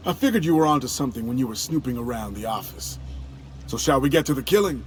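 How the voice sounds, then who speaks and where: An actor playing a breezy, smug contract killer in a video game, glib and condescending. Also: male voice, medium pitch, animated, quick pace, a little hiss or hum, natural voice, rough recording. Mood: breezy, businesslike.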